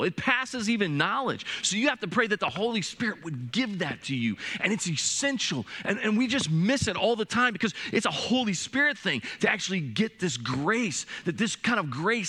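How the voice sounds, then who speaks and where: A middle-aged man preaching a sermon to his church, animated and expressive, often restarting his phrases as he builds a point. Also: sits high. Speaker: pastor.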